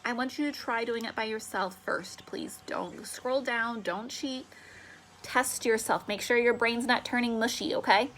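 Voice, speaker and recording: A young woman teaching a remote lesson to children, upbeat and encouraging, slowing down to sound out syllables. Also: on the high side, a bit bright, a little hiss or hum. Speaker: elementary school teacher.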